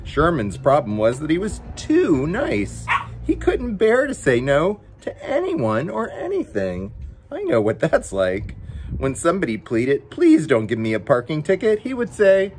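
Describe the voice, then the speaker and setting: Reading a picture book to kids, this man coaxes them playfully and talks straight to them between passages. His voice is on the high side with wildly swooping pitch, a measured pace, and a slightly mellow quality, with slight background noise.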